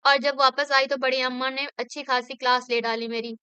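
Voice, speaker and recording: A woman voicing a hot-tempered, sharp-tongued young college girl in an audio novel. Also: high-pitched, little pitch movement, clean tone, no echo, highs cut off. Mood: plaintive. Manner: sassy, quick retorts.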